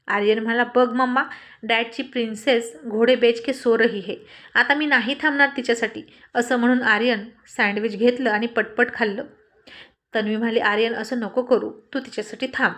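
A woman's voice: on the high side, a bit bright. Woman reading a family story aloud. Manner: reads every character herself in a light conversational tone. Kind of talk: scripted story narration.

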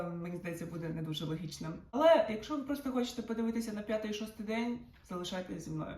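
A woman's voice: on the low side, darkish tone. A woman vlogger talking casually to her viewers, chatty and self-mocking, addressing them directly. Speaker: travel vlogger. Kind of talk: casual talk to camera. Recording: roomy and distant from the mic.

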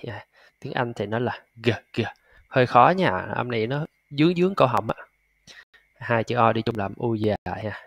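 A man teaching English pronunciation, patiently repeating and drilling each sound slowly. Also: lowish voice, no room sound. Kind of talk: pronunciation lesson.

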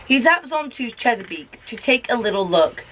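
A woman's voice: a little high, big pitch swings, normal speed, a bit bright, slight background noise. Sing-song mother reading to her toddler. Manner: coaxing, sing-song, stops to quiz the child. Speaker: parent reading to her child. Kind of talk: reading a picture book aloud to a toddler.

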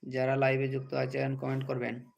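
Brisk and completely flat, this mid-range male voice carries vocal fry. He runs a casual livestream, addressing commenters directly and repeating himself a lot as he chats with viewers.

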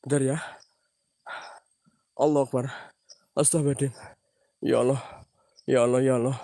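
A man's voice: mid-range voice, little pitch movement, normal speed, dark tone, no room sound, studio quality. A man hosting a live paranormal stream outdoors at night, chatting to viewers, thanking them by name and mixing in regional slang. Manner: chatty, reads viewer names, mixes Javanese slang, sudden exclamations.

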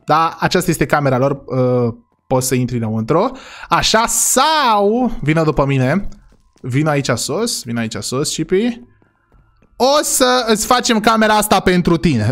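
A man hosting a playful role-play vlog, excitable and speaking straight to his viewers. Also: high-pitched. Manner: excitable, addresses viewers directly. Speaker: vlogger host.

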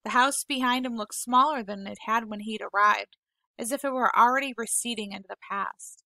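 A woman teacher reading a novel aloud to her class, unhurried and gentle, apologizing now and then when she stumbles over words. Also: fairly high pitch, creaky, no room sound. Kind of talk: read-aloud storytelling.

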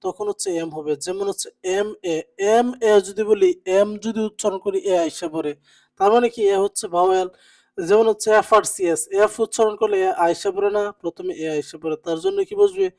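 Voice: medium pitch, big pitch swings, fairly quick, creaky, darkish tone. Teacher quizzing through a grammar lecture. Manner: asks rhetorical questions and answers them, frequent check-ins. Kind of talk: exam-prep grammar lecture.

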